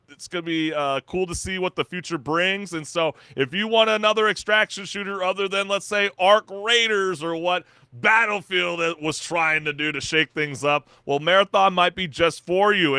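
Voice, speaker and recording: Male gaming podcast host, bright and a bit high, dry close sound, hyped news rundown. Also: clear, resonant tone, no room sound. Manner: hyped, salesy delivery with many fillers. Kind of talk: upbeat gaming news chat.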